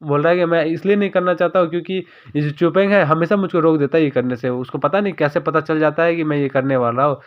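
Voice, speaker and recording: A man narrating a story recap in a rapid, informal retelling. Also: on the high side, steady tone, muffled recording.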